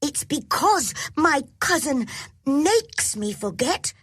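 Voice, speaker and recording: A woman's voice: takes it slowly, no echo, studio quality, heavily acted. A woman voicing a sickly, anxious, spoiled young boy in a storybook reading. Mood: insistent. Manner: high, pleading and excitable.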